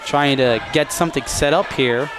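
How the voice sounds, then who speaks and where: Higher-pitched man calling local basketball. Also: moderate pace, crowd noise, background noise. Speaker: play-by-play basketball commentator. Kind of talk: live local sports commentary. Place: courtside in a school gym.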